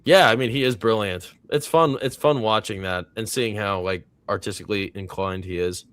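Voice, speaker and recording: A man's voice: on the low side, normal speed, a bit bright, smooth, no echo. Rambling male stream host, dry sound. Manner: rambling, reads viewer comments aloud, many fillers. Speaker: host of a movie reaction panel. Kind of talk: casual live-stream chat.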